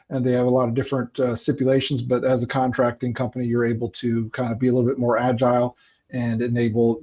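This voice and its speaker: Man, company representative, informal webinar talk, dark mellow voice, halting delivery, dull lo-fi audio. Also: mid-range voice. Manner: halting, searching for words. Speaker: company representative at a recruiting event.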